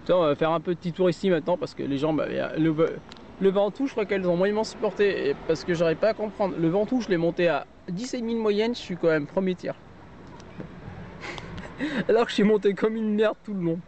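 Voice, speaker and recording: A middle-aged man from Auvergne, France, narrates a casual cycling vlog about a bike ride, talking bluntly and swearing while fighting a heavy cold. His voice is high, brisk and darkish, with a little hiss or hum in the audio.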